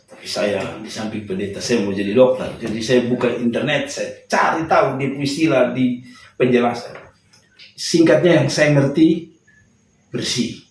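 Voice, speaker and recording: Storytelling pastor in an echoey hall. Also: male voice, medium pitch, fairly even intonation, moderate pace, far from the mic, slight background noise. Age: young adult. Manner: storytelling with humor, laughing at his own jokes. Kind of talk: sermon.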